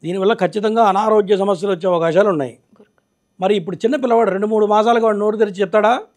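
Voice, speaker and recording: A man with a high voice who talks fast, answering callers as an astrologer. He lectures with authority and keeps asking callers to agree with him, in the style of a live call-in consultation. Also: steady tone, darkish tone.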